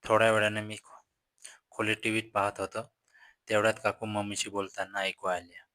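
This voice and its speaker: A man narrating a first-person story in a steady, monotone reading. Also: on the low side, normal speed, dry recording, poor audio. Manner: flat, monotone reading with small restarts.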